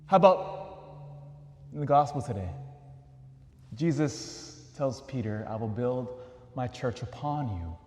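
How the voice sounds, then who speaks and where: A man preaching a homily as a priest, asking questions and moving from loud emphasis to soft asides. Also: mid-range voice, animated, takes it slowly, pauses often. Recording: echoey church hall.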